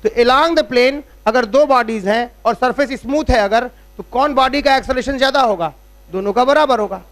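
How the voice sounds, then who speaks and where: A man's voice: extremely high pitch, moderate pace. A man teaching physics as a classroom lecture at a board, explaining step by step and checking in with rhetorical questions. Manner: uses everyday analogies.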